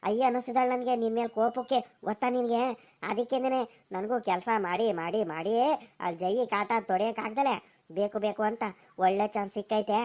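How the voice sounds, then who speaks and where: A woman's voice: on the high side, fairly even intonation, a little fast, a little mellow, close to an everyday voice. A woman voicing a sly young village man in a cartoon, talking in a coaxing, soothing way. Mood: explaining. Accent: Karnataka rural Kannada. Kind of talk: cartoon voice acting.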